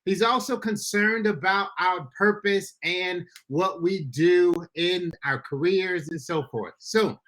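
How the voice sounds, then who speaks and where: Male pastor-host, high bright voice, upbeat and folksy with listeners. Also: slow, few pauses. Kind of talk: casual podcast chat. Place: Florida.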